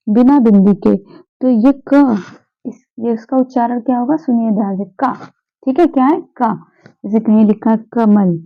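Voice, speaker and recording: In a tinny, phone-like recording, a woman with a fairly high, gravelly voice teaches Hindi pronunciation, patiently repeating sounds and posing questions she then answers herself.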